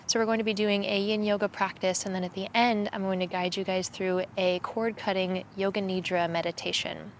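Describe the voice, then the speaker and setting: Woman, yoga teacher, soothing, slow guidance, flat even pitch, faint outdoor hiss. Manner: calm, soothing, slow instructions. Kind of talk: guided yoga and meditation instruction. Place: outdoors in a cemetery.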